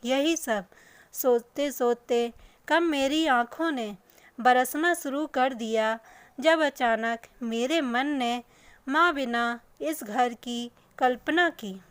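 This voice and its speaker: A woman narrating an emotional family story in the first person, in a slow, soft and sorrowful reading. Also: high-pitched, smooth, no echo.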